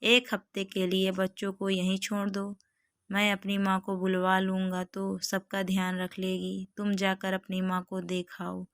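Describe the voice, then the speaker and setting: Storybook role: a sensible husband, read by a woman, slow, level voice. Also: mid-range voice, monotone, a bit bright, dry recording, clean studio sound. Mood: reassuring. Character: adult husband, reasonable and practical.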